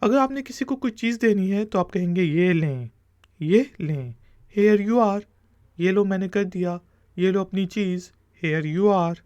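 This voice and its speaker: A man's voice: high voice, unhurried, darkish tone, dry recording. A man teaching a beginner language lesson, saying each phrase and then repeating it carefully for learners.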